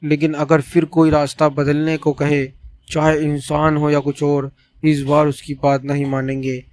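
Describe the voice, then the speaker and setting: A man voicing a tense, cautious male truck co-driver who gives low, steady warnings. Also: a little slow, smooth, dry recording, lightly acted.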